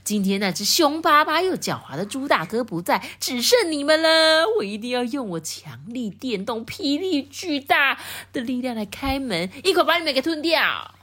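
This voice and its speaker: A hungry, sly big bad wolf from a storybook, as a woman puts him on. He sneers and taunts, his voice pitched up and swinging high and low. The tone stays gloating. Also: sing-song, normal speed, few pauses, fairly bright tone, exaggerated voice.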